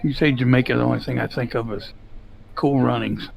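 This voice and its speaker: A man's voice: medium pitch, fairly even intonation, brisk, gravelly, muffled recording, a little hiss or hum. A man joining the stream from the room, chiming in with casual off-mic reactions.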